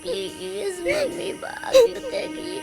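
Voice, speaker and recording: A man's voice: very high-pitched, expressive, unhurried, creaky, full character voice. A child actor playing the spirit of a lost young boy who pleads and cries for his mother. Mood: pleading tearful. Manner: pleading, weepy, whispery. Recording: with loud music behind.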